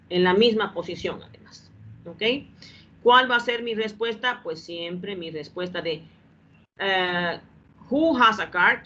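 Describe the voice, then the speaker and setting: A woman with a medium-pitched, sharp-toned voice teaches English grammar in a classroom explanation. She goes over each step patiently, more than once, and checks that the class has understood. The recording is dull and lo-fi, carrying a faint hum.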